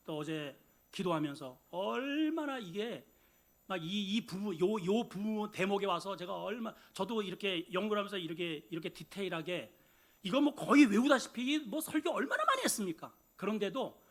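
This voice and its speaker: A male pastor preaching a sermon in an animated, emphatic way, with humorous asides to the congregation. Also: high-pitched.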